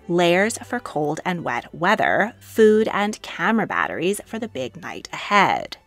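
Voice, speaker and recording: A woman's voice: fairly low pitch, sharp tone. A woman hosting a history channel, reading a scripted voice-over about her trip.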